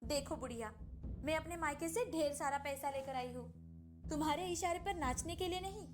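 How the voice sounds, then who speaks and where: A woman's voice: high-pitched, normal speed, soft background music, close to an everyday voice. A woman voicing a rude, arrogant young wife who mocks her mother-in-law. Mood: insolent. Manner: insolent and mocking.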